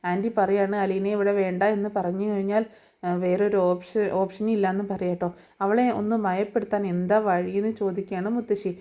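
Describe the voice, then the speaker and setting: Mellow, even-toned woman retelling a serial. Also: medium pitch, moderate pace. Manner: chatty, conversational, frequent fillers and tag particles. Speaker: TV serial recap narrator. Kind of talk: casual spoken retelling of an episode.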